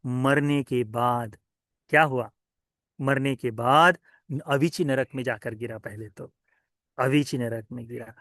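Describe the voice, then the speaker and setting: A man's voice: medium pitch, slow pace, dry recording, studio quality. A man, a Buddhist monk, telling a teaching story to children, often asking questions and answering them himself. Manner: lively questioning, asks listeners and answers himself.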